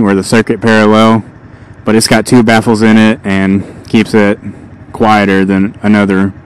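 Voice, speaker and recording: A man's voice: mid-range voice, smooth, rough recording. A man talking casually from inside a motorcycle helmet as he rides, vlogging in a rambling, slightly distracted way. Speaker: motovlogger. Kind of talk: casual vlog monologue while riding a motorcycle. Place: outdoors, riding a motorcycle in traffic. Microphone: microphone inside a motorcycle helmet. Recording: inside a helmet, loud road and engine noise. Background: loud traffic, vehicle and wind noise.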